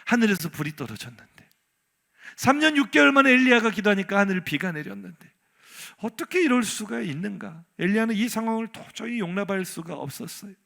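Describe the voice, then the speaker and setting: Animated high-voiced pastor preaching. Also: male voice, quick pace, creaky. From South Korea. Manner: animated, rhetorical questions, congregation repeats after him. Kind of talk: sermon. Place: church sanctuary.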